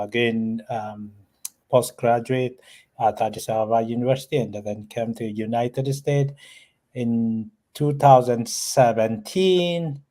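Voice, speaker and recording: A guest author and professor from Ethiopia answers interview questions in a mellow, medium-pitched voice. His replies are full of pauses, fillers, and restarts.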